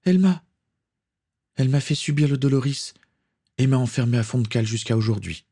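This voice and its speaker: A woman's voice: fairly quick, warm tone, slightly rough, exaggerated voice. A man voicing an impatient, villainous female pirate in a storybook reading. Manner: impatient, shrill.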